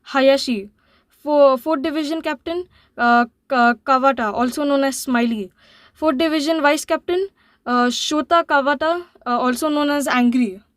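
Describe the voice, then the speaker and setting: A woman hosting an anime channel, reading a scripted manga summary, halting, with frequent fillers and restarts. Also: high-pitched, no room sound.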